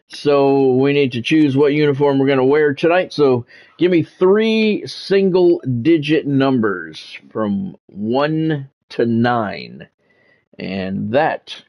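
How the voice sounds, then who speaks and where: A man with a mid-range, darkish voice provides live video game commentary. Working as a streamer and play-by-play announcer, he keeps it casual with sportscast touches, thinking out loud conversationally.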